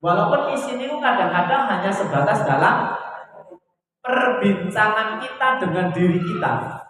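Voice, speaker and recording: A man with a Javanese accent preaching to a women's study group, in a lively, sing-song style that swings between loud and soft. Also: high-pitched, normal speed, crowd noise. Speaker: Islamic preacher. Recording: echoey hall, voice from a distance.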